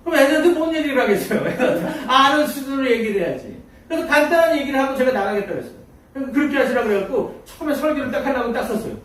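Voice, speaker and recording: A man pastor giving a storytelling lecture, animated and often laughing as he acts out scenes. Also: very high-pitched, very fast. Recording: echoey hall from far off, faint noise.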